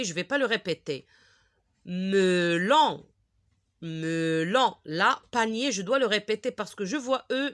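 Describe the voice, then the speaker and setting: A woman teaching young children to read, saying words slowly and clearly, having them repeat, and praising them. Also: medium pitch, bright, forceful tone. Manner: encouraging praise. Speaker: reading teacher. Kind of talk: slow phonics lesson for young children.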